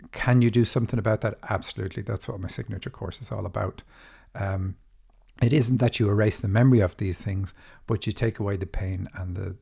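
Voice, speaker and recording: A middle-aged Irish man hosts a podcast about dreams and talks through a loose, quick monologue. His voice sits low, with a gravelly, husky edge. He leans on fillers and restarts as he goes. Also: darkish tone. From Ireland. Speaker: podcast host and dream interpreter. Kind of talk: casual monologue.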